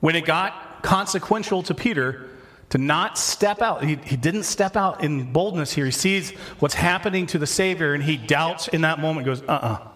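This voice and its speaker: A man's voice: fairly high pitch, normal speed, a bit bright. A man preaching a sermon, talking through scripture casually and often restarting his sentences. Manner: conversational, self-correcting, talks through scripture casually. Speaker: pastor.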